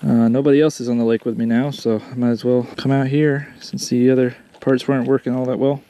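A man's voice: mid-range voice, flat delivery, brisk. A man with a Southern US accent chatting casually to a phone camera from his kayak on a lake while fishing, rambling and poking fun at himself. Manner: chatty, rambling, self-deprecating. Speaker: kayak bass angler. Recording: outdoor phone recording with loud insect noise. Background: insects and outdoor ambience.

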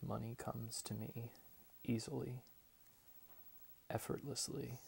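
A man in his twenties gives a soft, whispered ASMR pep talk in a hushed, deliberate manner with long pauses. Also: medium pitch, little pitch movement, gravelly, slight background noise. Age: 20s. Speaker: ASMR creator reading positive affirmations. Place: small bedroom at home, indoors.

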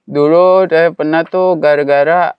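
A man, a neighborhood security guard, giving short, plain, deadpan answers in a casual interview. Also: fairly high pitch, unhurried, smooth, no room sound, lo-fi sound.

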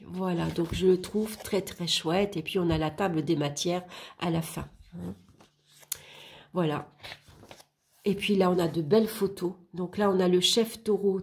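A woman casually reviewing an oracle card deck for her viewers, talking in a halting way with many fillers and restarts. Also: lowish voice, darkish tone, a little hiss or hum. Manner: hesitant, halting with frequent fillers and self-corrections; chatty, addresses viewers directly.

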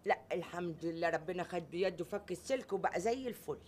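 An actress with an Egyptian accent playing a loud, brash comic woman who used to dance. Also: on the low side, quick pace, natural voice.

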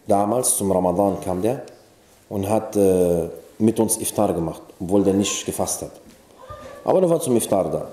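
A man's voice: on the low side, dark tone, slight background noise. A man giving an informal sermon. He tells stories casually and mixes in Arabic religious terms. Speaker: preacher. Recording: echoey room.

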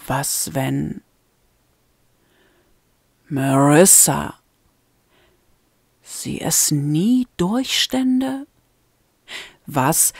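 A woman narrating a fan-made audiobook in a deliberate tone with dramatic rises. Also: on the low side, dry recording, clean studio sound. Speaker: audiobook reader.

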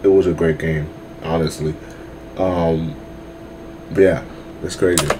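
A man's voice: sits low, steady tone, a little slow, background noise. A young man chatting casually as a YouTuber reacting to a game, tired and late at night, slangy and repeating himself as he trips over his words.

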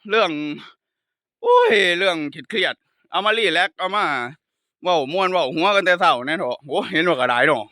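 A male monk with an Isan accent from Northeastern Thailand walks up a hill path outdoors, chatting playfully, laughing frequently, and teasing through his stories. His high voice is expressive, pushed, and bright, delivered at a moderate pace. The recording is studio quality with no room sound.

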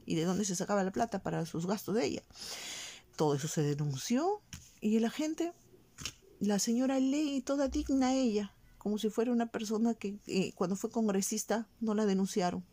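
A Peruvian woman vlogger speaking in a mellow, darker tone at an ordinary pitch. She talks with an indignant, emphatic edge and repeats phrases to press her point. Her Peruvian Spanish accent runs through her casual commentary. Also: fairly quick, no room sound. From Peru. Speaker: shopping vlogger. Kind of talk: casual commentary on current events.

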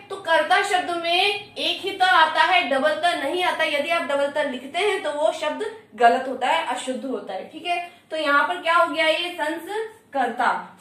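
A woman's voice: high-pitched, pushed and bright. A woman teaching a Hindi grammar lesson for exam preparation, repeating each rule and asking and answering her own questions. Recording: echoey room, far from the mic.

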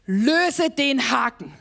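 A woman's voice: high-pitched, vocal fry, fairly bright tone. A woman pastor with a German accent preaching a sermon, emphatic and exclaiming, laughing at herself at times.

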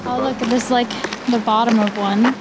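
A woman's voice: on the high side, fairly even intonation, a little fast. A young woman exploring abandoned seaside houses and pointing things out to the camera, partly in voice-over narration. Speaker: travel vlogger. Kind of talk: casual travel vlog with voice-over narration. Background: music.

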